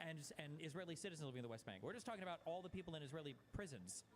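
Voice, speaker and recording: A man debates online at an extremely quick clip in a fairly high voice. He presses his questions hard and cuts in to challenge. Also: animated, a little hiss or hum.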